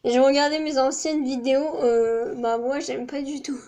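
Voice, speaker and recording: A woman's voice: sits high, fairly even intonation, moderate pace, dark tone. A young woman chatting casually to camera in a vlog, rambling with lots of fillers and restarts. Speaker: vlogger.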